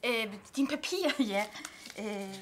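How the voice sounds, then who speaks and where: An actress playing an absent-minded counselor who is dismissive and laughs lightly while not really listening. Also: female voice, a little high, expressive, slight background noise, close to an everyday voice. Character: distracted, careless female counselor. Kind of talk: student film acting.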